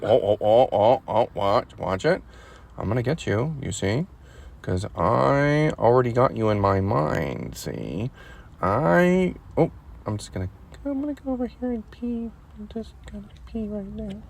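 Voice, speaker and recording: A man's voice: mid-range voice, creaky. A man voicing a playful, scrappy male dachshund that taunts during a backyard play-fight. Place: outdoor garden.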